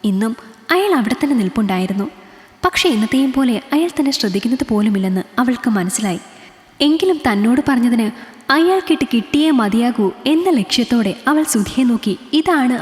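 A young woman narrating a romantic story in an expressive, emotional reading. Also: a little high. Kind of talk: storybook narration with character voices. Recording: echoey roomy reverb.

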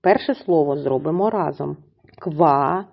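Slow, husky-voiced woman teacher. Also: low voice, sing-song, highs cut off. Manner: slow, deliberate, stretches example words syllable by syllable. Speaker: primary school teacher. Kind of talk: recorded video lesson for young pupils.

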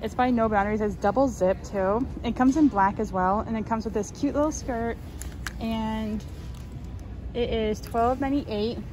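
A woman vlogging as she walks a large store, chattily listing prices and getting excited over new finds. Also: fairly high pitch, moderate pace, background noise. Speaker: shopping vlogger. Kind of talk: casual shop-with-me narration. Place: large retail store, indoors.

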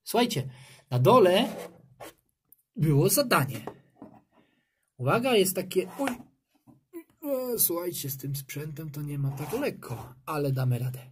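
Slow, lively male music teacher. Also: on the high side, slight background noise. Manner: lively, encouraging, chants rhythm syllables. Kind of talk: online music lesson for young children.

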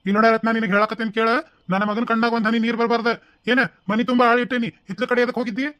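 Sly cartoon landlord, North Karnataka accent, rapid-fire coaxing, dry close sound, man voicing him. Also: extremely high pitch, dry recording. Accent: North Karnataka Kannada. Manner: coaxing, flattering, evasive. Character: doting, sly village landlord husband. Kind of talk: cartoon voice acting.

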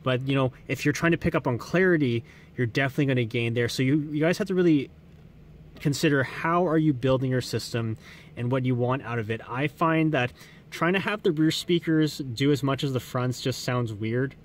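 A man's voice: medium pitch, brisk, a little hiss or hum. A man hosting a car audio channel, explaining his work step by step while he works on a car in a garage. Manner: explanatory, hands-on, addresses viewers directly. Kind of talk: casual how-to explanation.

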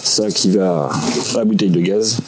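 A man in his forties casually unboxing and showing a tool in a small indoor workshop office, relaxed and halting with many fillers. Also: sits low, heavy background noise. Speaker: vlogger.

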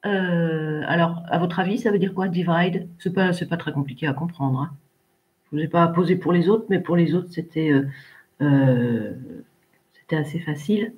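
A woman's voice: sits low, normal speed, highs cut off. Woman teacher giving patient pronunciation feedback. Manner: patient, corrects pupils one by one by name. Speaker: English teacher. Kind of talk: online class teaching.

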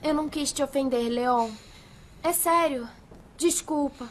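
Earnest, high-voiced young Brazilian woman. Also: measured pace, a little hiss or hum. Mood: apologetic. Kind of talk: dubbed soap opera acting.

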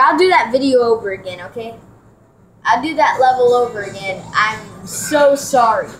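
A gamer giving excitable gameplay commentary, gasping and shrieking at the game. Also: high-pitched, slight background noise. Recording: roomy room with game music. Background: video game music.

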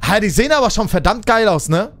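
A young man with a high voice that swings wildly up and down. He jokes, yells and laughs his way through a horror game. Game music plays clearly underneath. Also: very animated, fast. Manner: loud, jokey, shouts and mock screams. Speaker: gaming streamer. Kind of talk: excited gameplay commentary.

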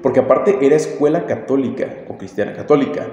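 A man's voice: medium pitch, brisk, warm tone. A man with a Mexican accent telling a story on his podcast in a casual, slangy, laid-back way, swearing freely. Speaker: podcast host. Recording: very echoey room, long reverb, faint music.

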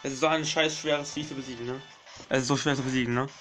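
A young man commentating his gameplay casually, excitable, swearing and pleading with the game while addressing his viewers as friends. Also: medium pitch, fast talker, faint music behind. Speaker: gaming channel host.

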